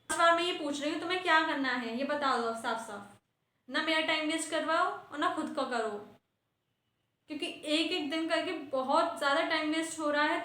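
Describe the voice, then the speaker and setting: A woman's voice: high-pitched, sharp tone, echoey room. A woman playing a strict teacher in a comedy sketch, lecturing and scolding her class.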